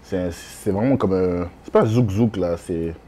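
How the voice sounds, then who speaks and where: A man's voice: sits low, measured pace, a little hiss or hum. A man, a music producer telling his story animatedly in a casual interview. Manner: animated storytelling, acts out his own thoughts.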